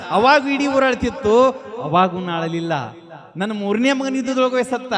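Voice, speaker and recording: A man voicing a grieving old village mother, dropping to a soft, lamenting tone. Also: high-pitched, long reverb tail, voice pushed down.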